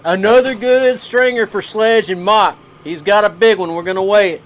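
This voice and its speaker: Loud man calling a weigh-in. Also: sits high, moderate pace. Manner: loud, chatty, coaching others. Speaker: tournament weigh-in announcer. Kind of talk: live weigh-in commentary. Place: outdoor lakeside weigh-in.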